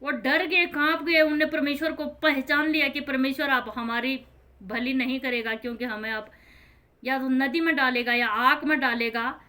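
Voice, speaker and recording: A woman gives an earnest, informal Bible explanation in a high, bright, ringing voice. She keeps restating each verse in her own plain words. She speaks directly to her listeners. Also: fairly even intonation, normal speed.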